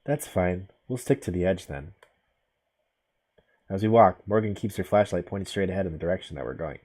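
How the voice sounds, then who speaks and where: Low-voiced man doing an expressive let's play. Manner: expressive, dramatic reading mixed with joking asides. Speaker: gaming channel host. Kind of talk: let's play of a visual novel, reading aloud with reactions.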